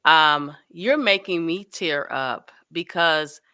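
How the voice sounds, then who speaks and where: Slow-speaking woman host, crisp and bright. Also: sits low, dry recording, clean studio sound. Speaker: podcast host. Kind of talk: interview conversation.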